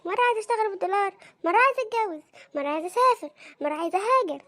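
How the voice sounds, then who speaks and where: A woman's voice: racing, bright, forceful tone, no echo. A woman with an Egyptian accent voicing a spoiled, whiny young adult son who throws tantrums over his demands in a cartoon. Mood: demanding. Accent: Egyptian Arabic. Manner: shrill, petulant, threatening tantrums.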